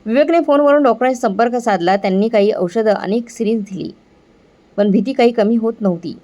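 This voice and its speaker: A woman narrating a dramatic family story in an earnest, expressive reading style. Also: a little high, a little fast.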